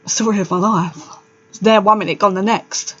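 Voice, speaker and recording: A woman's voice: mid-range voice, fairly even intonation, normal speed, a bit bright, husky. A woman co-hosting a podcast in casual chat, blunt and sweary, laughing often. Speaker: podcast co-host. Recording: dull lo-fi sound.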